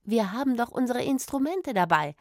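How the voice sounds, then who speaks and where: A woman's voice: a little high, lively intonation, moderate pace, a little mellow, dry recording, voice pushed up. A confident male musician from a children's audio story, jovial and boastful. A woman narrator voices him in a close, dry recording. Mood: breezy. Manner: laughing, breezy and boastful.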